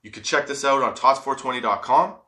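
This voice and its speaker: Stoned guy doing a casual podcast, bright voice, mid pitch, rambly and giggly, stretches out words. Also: fairly quick. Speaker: podcast host. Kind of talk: casual solo comedic podcast chat.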